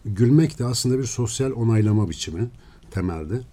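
A man speaks as a scientist guest, laying out ideas in steady, lecturing explanations. His voice is very dark and sits a little low. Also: a little fast. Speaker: neuroscientist guest. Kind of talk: explanatory radio interview.

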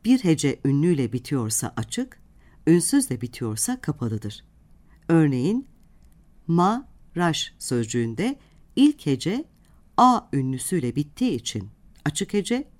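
A woman with a low voice that rises and falls widely gives a scripted radio language lesson. She reads out example words one by one and slows down to spell out syllables. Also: big pitch swings, a little mellow. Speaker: radio host and Turkish language teacher.

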